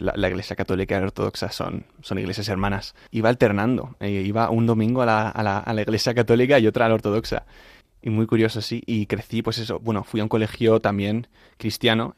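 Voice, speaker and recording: A young man from Madrid, a composer and singer studying at university, gives an informal personal account as an interview guest in a Madrid Spanish accent. His voice is fairly low and darkish, and he often repeats and restarts his phrases. The recording is dry, with clean studio sound.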